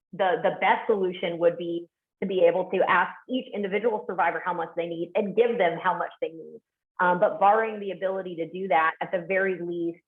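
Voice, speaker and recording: A woman presenting steps in a webinar, earnest, with frequent fillers and restarts. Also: fairly low pitch. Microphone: video call. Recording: tinny phone-like call audio.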